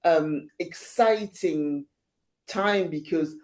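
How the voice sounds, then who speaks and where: Her voice sits low with a darkish tone, and she speaks extremely slowly. She's a woman in her fifties, Haitian-born and French-raised, guesting on an interview as an agency founder, chatting animatedly, laughing a lot and restarting sentences.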